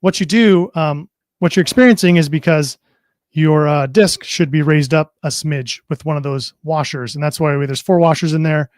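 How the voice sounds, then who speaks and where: A man's voice: fairly high pitch, normal speed, dry recording, clean studio sound. A man on a casual livestream, chatty and friendly, explaining gear with many fillers. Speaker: product specialist guest. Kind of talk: casual livestream chat and product demo.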